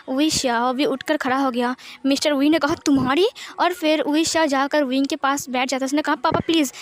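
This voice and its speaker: A woman narrates a fan fiction story in a plain, steady storytelling voice. Her pitch is high and she stumbles now and then. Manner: plain, even retelling with small slips.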